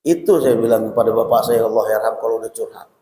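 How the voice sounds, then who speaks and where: A man with an Indonesian accent giving a lively sermon at a mosque study session, acting out parents and children in quick asides. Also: fairly low pitch. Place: mosque hall. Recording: echoey mosque hall with long reverb.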